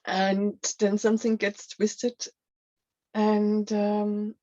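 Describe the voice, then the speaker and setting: Woman slowly opening up, stops and restarts a lot, muffled sound. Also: mid-range voice, completely flat delivery, mellow. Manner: halting, searching for words, candid. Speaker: workshop participant. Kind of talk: emotional personal sharing.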